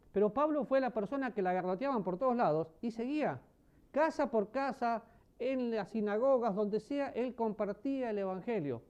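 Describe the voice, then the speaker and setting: A man preaching a sermon, asking the congregation questions and swinging between loud emphasis and soft, low passages. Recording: dull lo-fi sermon recording.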